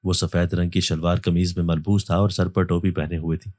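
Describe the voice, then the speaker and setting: A man reading a first-person horror story as a storyteller, in a steady, even manner. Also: sits low, no room sound, studio quality. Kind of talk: scripted narration of a horror story.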